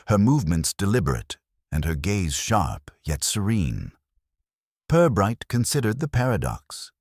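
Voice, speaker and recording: This is a very deep-voiced man reading a scripted detective mystery aloud, his phrasing formal and measured. His intonation swings animatedly, and the audio is intimate and dry, without any room ambience.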